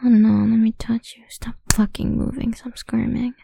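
A woman takes on the role of a cruel, domineering woman who taunts in a hushed, crude whisper, and the mood is menacing. The voice is dark and full of gravelly fry, on the higher side, slow, and level in tone with little variation. This whispered audio roleplay sounds dry and close, with no room sound.

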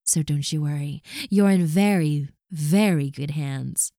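A woman speaks in a slow, mellow, lowish voice, commanding and in control. She often slips into soft whispers close to the mic. The sound is dry and intimate. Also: no echo. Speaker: audio roleplay performer. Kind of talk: scripted audio roleplay.

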